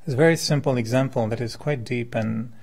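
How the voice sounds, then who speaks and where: Heavy vocal fry marks this mid-pitched man in his fifties, a meditation teacher and speaker born in France who now lives in Quebec and speaks French natively. Brisk and darkish in tone, he delivers an informal spiritual talk to a live audience, conversational and full of questions and hypothetical examples.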